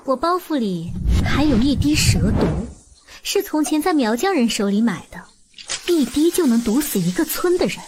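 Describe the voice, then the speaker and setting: A vengeful young woman of a costume drama, plotting coldly in a high voice that swings widely. She speaks like a conspirator, often slipping into whispers, over faint noise. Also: darkish tone.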